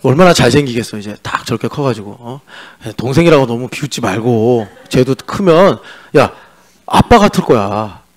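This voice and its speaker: A man's voice: mid-range voice, lively intonation, normal speed. A male pastor preaching a sermon in a chatty, joking way, teasing his congregation. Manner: mixes in sung-style English lyric lines. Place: church sanctuary.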